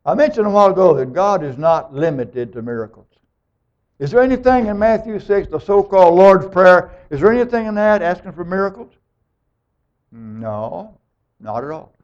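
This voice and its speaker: A man preaching a sermon, emphatic and animated, acting out the people of scripture as he tells them. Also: sits high, normal speed. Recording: dull lo-fi recording.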